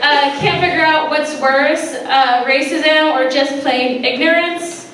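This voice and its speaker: A young woman performing a stand-up set at a college open mic, deadpan and hesitant with many ums, recorded from a distance in a roomy hall with an audience. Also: sits high, slow, crowd noise. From Sri Lanka. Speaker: stand-up comic.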